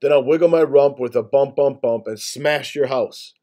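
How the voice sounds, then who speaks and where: Man voicing a raspy hungry boar. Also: mid-range voice, moderate pace, warm tone, close to an everyday voice. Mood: menacing. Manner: sing-song rhyming threats. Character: big hungry male boar, raspy and bullying. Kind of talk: storybook reading.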